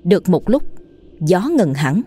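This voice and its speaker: A woman narrating a ghost story in a steady, suspenseful scripted style. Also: lowish voice, unhurried, breathy edge.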